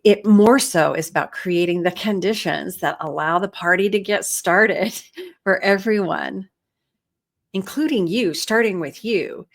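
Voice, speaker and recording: A woman leadership coach giving a reflective talk over shared slides, often posing rhetorical questions. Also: fairly low pitch.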